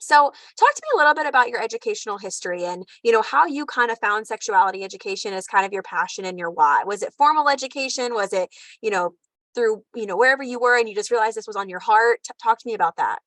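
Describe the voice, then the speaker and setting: An American woman who talks quickly and brightly as she hosts a relaxed conversation. Her voice sits fairly high and sounds dry and close, and she asks curious, bubbly questions. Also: no echo. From United States. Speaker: host. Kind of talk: casual interview chat.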